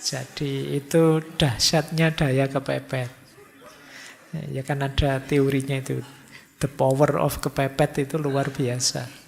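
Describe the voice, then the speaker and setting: Pria dosen bersuara serak di aula bergema. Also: male voice, mid-range voice, flat delivery, slow pace, vocal fry, a little hiss or hum. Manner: conversational, acts out quoted students. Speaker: lecturer. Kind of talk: religious philosophy lecture. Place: mosque hall. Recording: long hall reverb.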